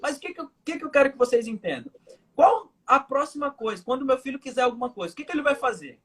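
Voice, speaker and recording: This young hypnotherapist, speaking Manaus Brazilian Portuguese, has a very high-pitched, slightly bright, husky voice and talks fast and animatedly. As a guest in a casual live chat over video call, he uses everyday stories to get his point across.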